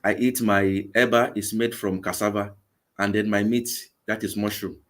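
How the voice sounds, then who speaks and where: A man in his forties with a Nigerian English accent, earnest and repetitive as he speaks over a video call. His voice sits fairly low. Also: fairly even intonation, moderate pace. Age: 40s. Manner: earnest, repeats words often. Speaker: guest, vegan campaign organizer. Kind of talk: live interview.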